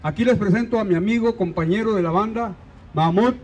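A muffled recording captures an older Mexican man's high, husky, slightly mellow voice as he speaks fairly quickly at an outdoor park rally. Using a handheld mic and a Mexican accent, he's earnest and rousing and asks pointed questions.

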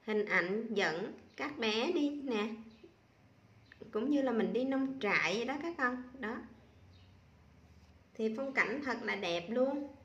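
Woman teacher sounding out syllables super slow for little kids, bright voice, echoey room. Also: a little high, expressive, muffled recording. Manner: slow, drawn-out spelling aloud of sounds and syllables. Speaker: primary school teacher. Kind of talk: reading lesson for young children.

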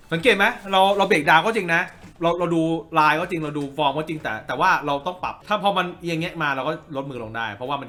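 With a fairly high-pitched, sharp voice, a man runs an informal drawing tutorial as teacher. He leans on repeated phrases for emphasis and constantly checks in with listeners using tag questions.

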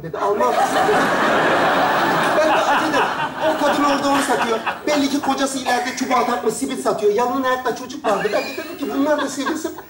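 An actor playing a flustered husband who keeps insisting he is not cheating, in a live stage sketch. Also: very high voice. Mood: earnest pleading. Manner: rushed, defensive, pleading. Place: theater stage with live audience. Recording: echoey stage, audience noise.

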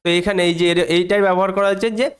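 A man teaching an English reading lesson, breaking each sentence into small parts and repeating phrases, drawing out the English words slowly. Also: sits high, steady tone, clear, resonant tone.

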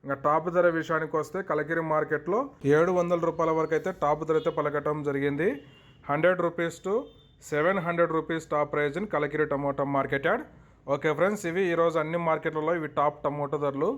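A man's voice: a little high, steady tone, fast talker. A man with a South Indian Telugu accent hosting an informational market price report, listing figures methodically in repeated set phrases with some English mixed in.

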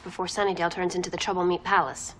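An actress playing a quippy, flustered young female vampire slayer with an American accent and a halting, rambling delivery in a television drama. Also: on the low side, little pitch movement, lightly acted. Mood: wry. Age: young adult.

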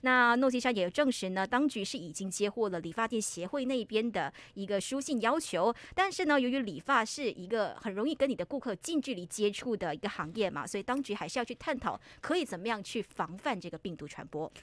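A woman co-hosting a radio news show, reading updates in a brisk, upbeat way with drawn-out particles. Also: medium pitch, animated, a bit bright, no echo.

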